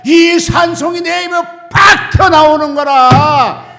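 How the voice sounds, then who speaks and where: An older man, a pastor, preaching an animated storytelling sermon in a church, swinging between shouts and low asides. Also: a little slow, gravelly, background noise. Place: church sanctuary. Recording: church hall with long reverb.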